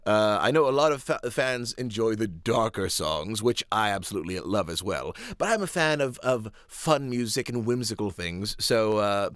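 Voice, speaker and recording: A man hosting a casual music live stream, talking in a halting, light-hearted, self-deprecating way. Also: lowish voice, animated, fairly bright tone, clear, resonant tone, no echo, clean studio sound.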